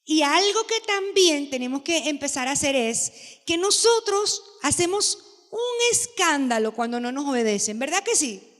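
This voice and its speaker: A woman's voice: high-pitched, sing-song, moderate pace, a bit bright. A woman pastor giving a sermon to parents, emphatic and often asking the congregation questions. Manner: emphatic, asks the audience questions. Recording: long hall reverb.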